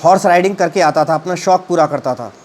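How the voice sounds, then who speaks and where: A man teaching a story: he reads English lines slowly, then retells and explains them at a halting pace with many fillers. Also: a little high.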